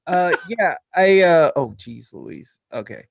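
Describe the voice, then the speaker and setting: A man in his thirties, a podcaster who is a guest on a call, talking in a rambling, energetic way with stammered restarts. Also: fairly high pitch, slow pace, creaky, dry recording, clean studio sound. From California. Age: 30s. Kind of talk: casual interview chat. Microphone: podcast microphone.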